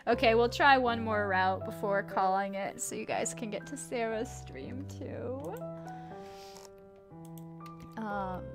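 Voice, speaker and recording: A woman game streamer reading text aloud and commenting casually, with an expressive delivery. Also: mid-range voice.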